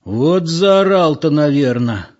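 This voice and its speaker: A man's voice: on the high side, animated, slow, darkish tone, pitched above the performer's own voice. A man voicing a curious village man who asks eager questions. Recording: dull lo-fi audiobook recording.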